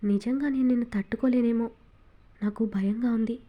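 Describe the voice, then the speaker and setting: A woman's voice: a little high, steady tone, brisk, lo-fi sound, close to an everyday voice. A woman voicing a naive, timid young woman in a romance audiobook, innocent and pleading. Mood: fearful.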